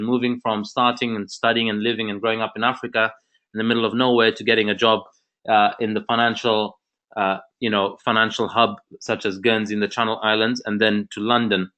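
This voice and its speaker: A man's voice: on the low side, sharp tone. A man from Zambia giving an earnest motivational presentation on a video call, talking in long, flowing sentences. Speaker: presenter of an online info session.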